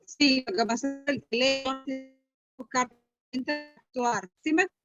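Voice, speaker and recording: High woman heard as if through a tube. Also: moderate pace, music in the background. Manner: short, checking whether she can be heard. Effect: hollow, distant sound as if through a metal tube. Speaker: student in an online class. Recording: muffled distant phone audio.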